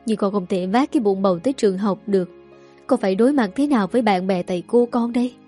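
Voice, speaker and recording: A woman's voice: mid-range voice, quick pace, warm tone, slightly rough, faint music behind, close to an everyday voice. A woman voicing a pleading, frightened young woman. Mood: distraught. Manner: pleading, anxious. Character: frightened young woman student, pregnant, tearful.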